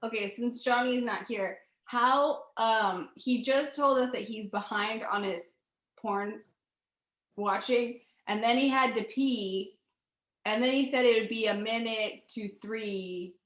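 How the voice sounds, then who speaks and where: Woman cohost teasing, kinda high, echoey room. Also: slow, a bit bright. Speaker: podcast co-host. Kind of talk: casual chat.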